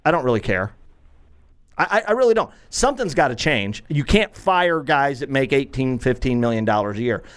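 Animated ranting male sports talk host. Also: medium pitch, moderate pace, clean tone. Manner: animated, fed up, repeats himself for emphasis. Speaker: podcast co-host. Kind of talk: sports talk show rant.

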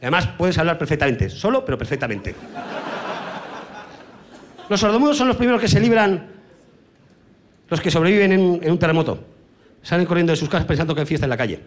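Amid background noise, a man from Spain performs a crude stand-up routine on stage in a fairly high, very animated voice, speaking fast but pausing often. He lands brash punchlines and suddenly shouts out sound effects.

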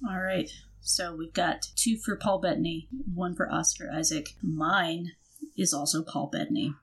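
A woman's voice: fairly low pitch, fairly even intonation, normal speed, breathy edge. A woman co-hosting a podcast, giving earnest, emphatic opinions in casual chat. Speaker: podcast co-host.

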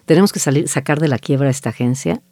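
A woman's voice: low-pitched, quick pace, mellow, no echo. A middle-aged woman, an agency founder recounting her story as an interview guest, quoting herself and others in dialogue.

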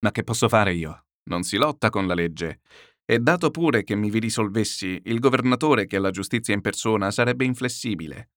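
A man voicing a calm, pious older man who admonishes gently, slow and grave. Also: lowish voice, no room sound, clean studio sound. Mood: grave gentle. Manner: slow, grave, quietly reproachful.

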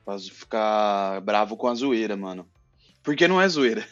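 A man's voice: lowish voice, animated, moderate pace, lo-fi sound, faint music behind. A man on a podcast panel chatting casually about football, using slang and repeating his phrases.

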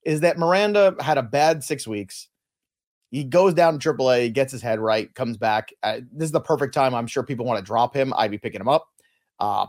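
A man's voice: medium pitch, a little mellow. A man co-hosting a fantasy baseball podcast, talking in a conversational, analytical and joking way. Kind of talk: casual chat.

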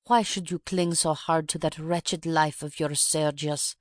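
A reader playing a proud, grave Russian woman revolutionary who makes a dignified confession in an audiobook. The recording is dry and close, with a middle pitch. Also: fairly even intonation, unhurried, no echo, close to an everyday voice. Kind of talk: audiobook reading.

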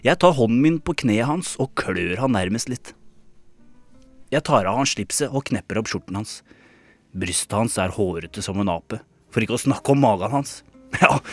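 A man co-hosting a radio comedy show, reading a saucy short story aloud in a dry, deadpan way. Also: fairly low pitch, no echo. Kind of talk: comic dramatic reading.

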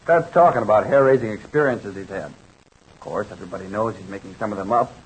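An actor playing a genial, knowing aviator sidekick in an old radio drama, folksy and wry. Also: male voice, on the low side, a little fast, a little hiss or hum, natural voice, poor audio.

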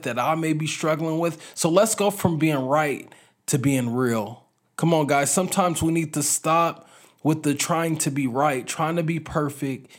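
A man telling a personal faith story in an earnest, conversational way, often repeating himself and restarting phrases. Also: fairly high pitch. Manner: earnest, repeats words and restarts, addresses listeners as guys. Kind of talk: testimony talk.

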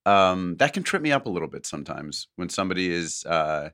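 A man's voice: low voice, big pitch swings, a little fast, a bit bright. A man hosting a podcast, musing in a reflective, hesitant way. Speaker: podcast host. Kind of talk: casual podcast chat.

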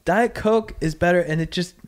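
A man's voice: high voice, normal speed. A man ranting animatedly in a casual chat among friends, swearing freely.

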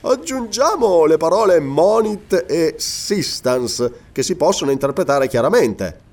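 A man voicing a calm, authoritative noble lord leading a careful investigation in a read-aloud novel. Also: a little high, unhurried, voice pushed up. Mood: explaining. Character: calm authoritative Scottish lord, methodical leader.

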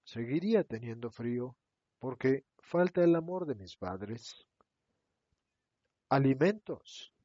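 An earnest, gentle orphan boy speaks slowly and softly in a pleading way, as a man reads him aloud. His pitch rises and falls freely. The recording is dull and dry. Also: expressive, dry recording.

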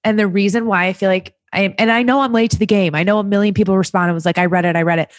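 A young adult woman co-hosting a podcast, chatting excitedly and full of likes. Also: medium pitch, fast talker, dry recording, clean studio sound. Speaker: podcast co-host. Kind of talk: casual chat.

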